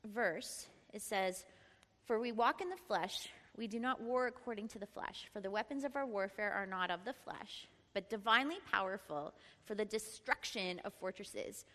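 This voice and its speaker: A middle-aged woman leading a church Bible study, lively and often laughing as she prompts the group. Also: medium pitch, moderate pace. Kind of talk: Bible teaching talk. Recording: long reverb in a large room.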